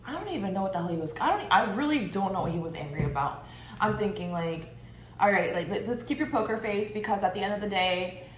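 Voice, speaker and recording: A woman's voice: mid-range voice, a bit bright. Young woman ranting through a storytime, blunt and sweary, faint hum behind, roomy echo. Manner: candid, blunt and profane, with sarcastic asides. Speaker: vlogger. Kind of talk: casual storytime monologue. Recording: echoey room with faint ambient noise.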